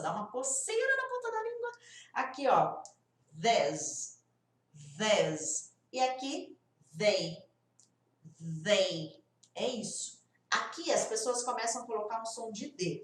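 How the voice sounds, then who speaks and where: Brazilian-portuguese speaking lady teacher, higher voice, demoing sounds in an echoey room. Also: distant mic. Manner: demonstrative, drawn-out sound examples. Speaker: English teacher. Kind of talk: pronunciation lesson.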